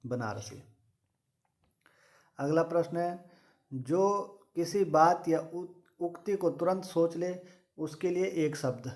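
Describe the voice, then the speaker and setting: A fairly high-voiced man works through exam questions one by one. He talks at a steady, methodical pace and repeats the same set phrases for each answer. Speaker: exam prep teacher. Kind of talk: reading quiz questions and answers.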